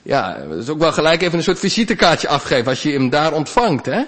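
A male pastor giving a sermon in a conversational, animated way, with big swings in pitch. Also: quick pace, breathy edge.

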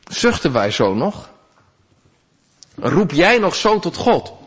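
A man's voice: sits high, big pitch swings, takes it slowly, slightly rough. Earnest male preacher in a reverberant church. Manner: earnest, rising to loud pleas, dropping to quiet asides. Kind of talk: sermon.

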